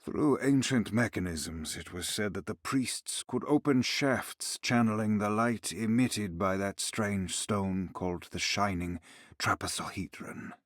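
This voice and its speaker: An actor playing a solemn narrator who reads ancient occult lore in a hushed, husky voice that drops to a whisper, in a scripted game narration. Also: male voice, lowish voice, no echo, studio quality, natural voice. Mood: ominous. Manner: solemn, ominous, deliberate. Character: grave male narrator reading ancient lore.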